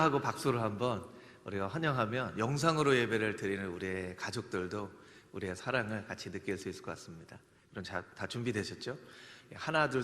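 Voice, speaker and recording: A man's voice: mid-range voice, fairly bright tone. A man preaching as pastor, leading the congregation through greetings and scripture recitation in an earnest sermon style. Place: church sanctuary. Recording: long church hall reverb.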